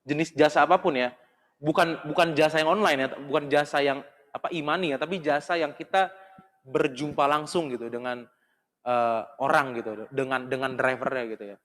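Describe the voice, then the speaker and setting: Young male speaker, casual, slangy and filler-heavy, fairly high voice, long reverb and faint music behind. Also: a little fast. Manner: relaxed, chatty, slangy, with many fillers. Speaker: speaker at youth Bible study. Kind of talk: casual talk.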